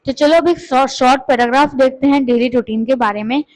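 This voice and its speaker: A woman teaching English to beginners, explaining in Hindi and reading English lines slowly and carefully. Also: sits high, darkish tone, low-quality recording. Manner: repeats words and asks questions to the viewer. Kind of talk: lesson.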